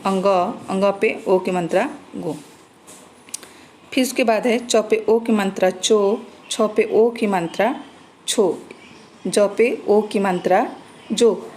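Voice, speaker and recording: A woman teacher giving an online class to young children, reading words out slowly syllable by syllable. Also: mid-range voice, darkish tone, a little hiss or hum, low-quality recording.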